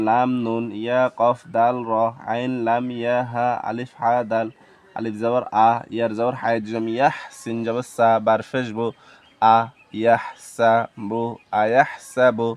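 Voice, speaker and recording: A man teaching Quran reading, naming each letter and vowel mark, then chanting the verse slowly. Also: medium pitch, a little mellow, smooth. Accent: Bangladeshi Bengali. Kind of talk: slow spelling-out recitation lesson.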